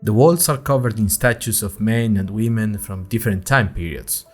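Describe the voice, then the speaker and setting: In a scripted, diary-style first-person story for an audio fiction podcast, a man with a lowish voice close to his everyday speech narrates at a moderate pace over faint music. His character is a young college student, chatty and nervous, who tells things wryly with dramatic emphasis.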